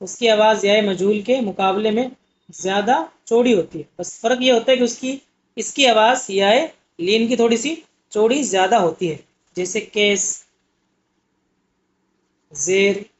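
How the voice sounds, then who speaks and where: A man's voice: sits high, a little slow. Guy teaching urdu for an exam, patient, quizzes then answers himself, kinda muffled recording. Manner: explains patiently, asks questions and answers them himself. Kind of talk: exam-prep lesson. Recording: muffled lo-fi audio.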